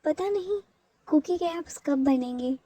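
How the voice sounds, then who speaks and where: A woman's voice: high voice, lively intonation, a little slow, warm tone. A woman voicing a timid, innocent young male student who pleads and frets in a story read aloud. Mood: shy. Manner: pleading, frightened.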